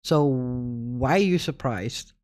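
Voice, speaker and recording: A woman's voice: a bass voice, slow pace, darkish tone. A Dutch woman hosting a casual reaction video, talking with frequent laughter and incredulous rhetorical questions. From Netherlands. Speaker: reaction channel host.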